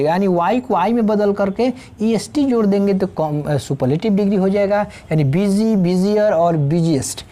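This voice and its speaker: Teaching English grammar, this warm-voiced woman of medium pitch takes her time, spelling out letters one by one and filling her pauses with fillers.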